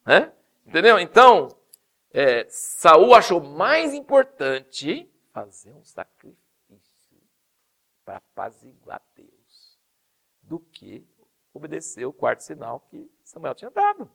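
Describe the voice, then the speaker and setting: Preacher guy, high lively voice, asks the crowd questions a lot. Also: takes it slowly, gravelly, pauses often. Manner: animated, acts out quotes, rhetorical questions. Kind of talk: sermon.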